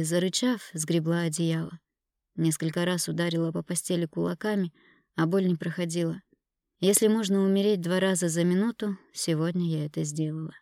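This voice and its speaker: A woman narrating a first-person audiobook, reading with strong emotion and shouting in the quarrel scenes. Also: on the low side, no room sound, studio quality.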